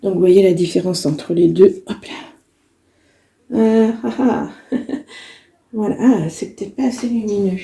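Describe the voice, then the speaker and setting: A woman vlogger with a hoarse, cracking voice, chatting casually as she demonstrates a recipe in her home kitchen, full of fillers and restarts. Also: medium pitch, steady tone, a little slow, pauses often, mellow, reverberant, a little hiss or hum. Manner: chatty, many fillers and restarts while working.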